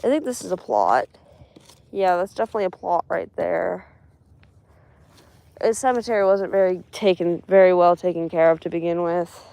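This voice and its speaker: A woman's voice: fairly low pitch, normal speed, gravelly, long pauses, warm tone, dry recording. A woman vlogging as she walks through a burned cemetery outdoors, talking to herself with dry, sarcastic asides. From Spokane, US. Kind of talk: casual vlog narration while walking.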